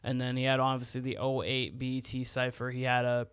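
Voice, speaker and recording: A man with a smooth, resonant voice chats casually as a podcast guest. The sound is dry and close, and he talks in a laid-back way with lots of fillers. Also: medium pitch, monotone, brisk, fairly bright tone, no echo. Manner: laid-back, fills his talk with "uh" and "like". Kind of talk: casual sports podcast chat.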